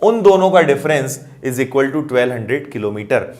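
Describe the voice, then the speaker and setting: A man's voice: medium pitch, lively intonation, slow, darkish tone. A man teaching maths, explaining word problems step by step and checking that students follow. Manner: explanatory, checks understanding with questions. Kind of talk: explaining math problems on a board.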